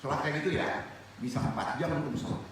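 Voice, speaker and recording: A man's voice: a little high, fast, a bit bright, a little hiss or hum. A man from Indonesia teaching a religious study circle, who asks his listeners questions and then answers them himself. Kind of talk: lively spoken sermon. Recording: echoey room, voice from a distance.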